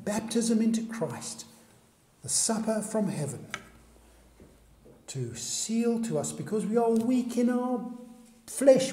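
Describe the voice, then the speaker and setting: Preaching to his listeners, this pastor fires off a string of earnest questions. The man's voice sits high yet carries a dark tone, and the recording has the echo of a large hall.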